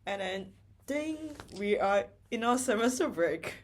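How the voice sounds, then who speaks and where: A woman's voice: mid-range voice, expressive, unhurried. A young woman from Hong Kong co-hosting a casual podcast, laid-back, with short agreeing replies. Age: young adult. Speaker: podcast co-host.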